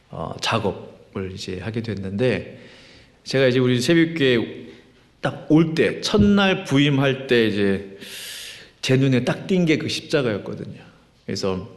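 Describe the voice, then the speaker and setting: A man preaching a Sunday sermon as pastor, talking in a conversational way with many fillers and leading fervent prayer. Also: fairly low pitch. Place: church sanctuary. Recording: long church reverb.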